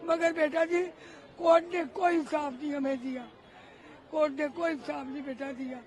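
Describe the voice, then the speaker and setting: A woman's voice: high-pitched, fairly even intonation, moderate pace, darkish tone, a faint crowd. An older woman giving an impassioned street interview as the widow of a riot victim, calling the reporter "beta".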